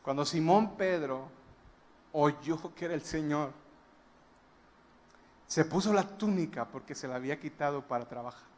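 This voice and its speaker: Emphatic preacher, slightly high voice. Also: male voice, unhurried, pauses often. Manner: emphatic storytelling preacher, wondering exclamations. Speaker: guest pastor. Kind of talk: sermon.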